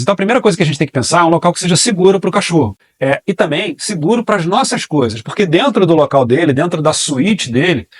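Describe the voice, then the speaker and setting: Brazilian male dog trainer, quick and fairly high voice, dry close sound, rhetorical teaching style. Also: no room sound. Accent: Brazilian Portuguese. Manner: explanatory, repeats key phrases, asks and answers own questions. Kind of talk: online training class.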